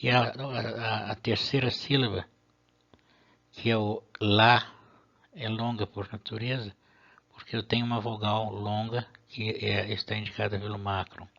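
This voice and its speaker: A man's voice: fairly low pitch, level tone, normal speed, gravelly, fairly bright tone. A man, teaching a language lesson patiently and methodically, sometimes stopping to restart a phrase. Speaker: Latin teacher. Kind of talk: explanatory video lesson. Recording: dull lo-fi recording.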